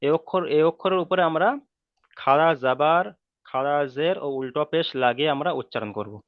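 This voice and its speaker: A man teaching in an online class, smooth and clear, patiently drilling letter sounds one by one. His voice is close and dry, coming through a thin, phone-like call line. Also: on the high side, no echo. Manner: patient, repeats rules and drills letters slowly. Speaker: Quran reading teacher. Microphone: video call.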